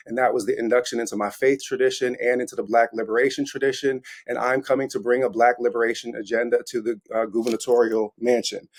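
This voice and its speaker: A man giving an emphatic, rousing opening statement as a candidate at a forum. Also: mid-range voice. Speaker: gubernatorial candidate.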